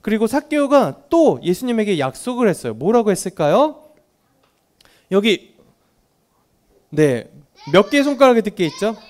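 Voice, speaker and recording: A man tells a Bible story to a room of small children. He keeps stopping to ask them questions. His voice is high and his pitch moves a lot. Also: normal speed, long pauses. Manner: animated, asks the children questions often. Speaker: Sunday school teacher.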